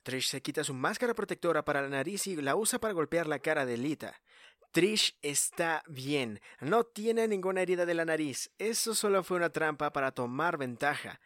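High-voiced dramatic male wrestling narrator. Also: moderate pace, dry recording, clean studio sound. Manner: dramatic, building to excited calls.

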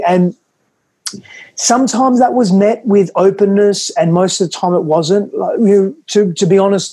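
A man from Western Australia with a Greek background speaks in a high, slightly mellow voice with no echo. As a podcast guest in a reflective interview, he talks earnestly and thoughtfully, often restarting his phrases.

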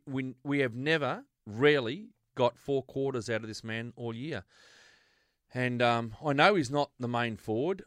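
A man's voice: mid-range voice, no echo, clean studio sound. A man with an Australian accent chatting casually about football as a podcast panellist.

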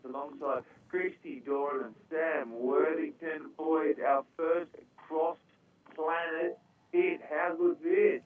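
Man over a tinny phone line. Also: medium pitch. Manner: relaxed, chatty. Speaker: podcast host. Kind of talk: casual sports chat. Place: hotel in the US, calling in.

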